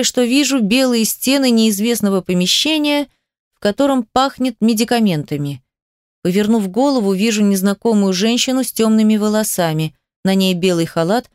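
A woman's voice: medium pitch, expressive, moderate pace, darkish tone, clear, resonant tone, no room sound. Woman narrator, audiobook, emotive, dramatic, dry close sound. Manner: emotive, dramatic first-person reading.

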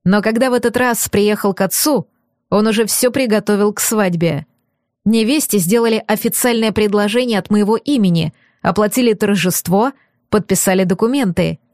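A woman's voice: medium pitch, moderate pace, darkish tone, no echo, studio quality, lightly acted. A woman reading an audiobook and voicing a stern, torn young aristocratic man with firm, clipped, bitter delivery. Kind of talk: audiobook character voice.

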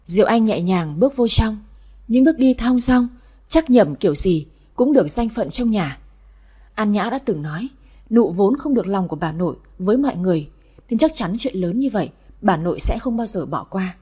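Husky-voiced woman narrating a story. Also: medium pitch, lively intonation, normal speed, warm tone.

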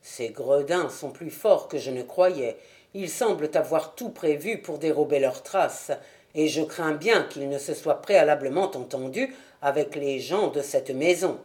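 Brief: woman playing a grave, quiet male detective, pitched down, unhurried. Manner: measured and low. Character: calm, shrewd male detective.

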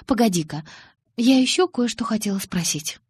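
A woman's voice: fairly high pitch, animated, moderate pace, a little mellow, breathy edge, dry recording, voice pushed up. A woman voicing an earnest, curious teenage girl with a lifted, questioning tone in an audiobook. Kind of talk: audiobook character reading.

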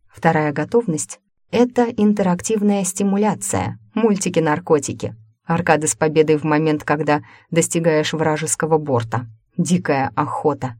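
Female story narrator, low register, conversational and wry, close dry recording. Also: darkish tone, dry recording. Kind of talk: scripted first-person audiobook narration of science fiction.

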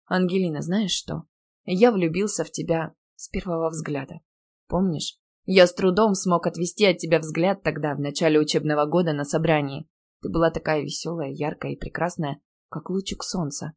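A woman reading an audiobook, voicing a calm, teasing young male PE teacher who speaks softly and tenderly. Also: deep voice, moderate pace, breathy edge.

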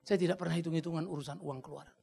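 A man preaching a sermon as pastor, dramatic and blunt, dropping to a hush and then rising to a shout. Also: on the high side, steady tone, rapid-fire, vocal fry, slightly rough. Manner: dramatic, swings from hushed to shouting; colloquial, blunt asides.

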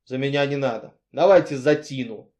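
Brash jovial boss, blunt, warm, read by the narrator. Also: male voice, medium pitch, fairly quick, lightly acted.

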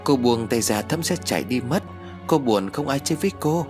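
A man's voice: medium pitch, expressive, fairly quick, over music, close to an everyday voice. A man voicing a lonely, childlike female ghost who clings to her nephew, in a whiny, pleading way. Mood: coaxing.

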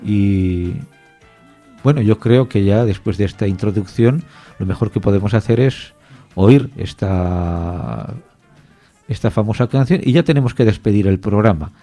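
A man hosting a radio show, explaining things in a measured way with frequent hesitant pauses. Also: lowish voice, animated, dark tone, faint music behind. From Spain. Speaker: radio host.

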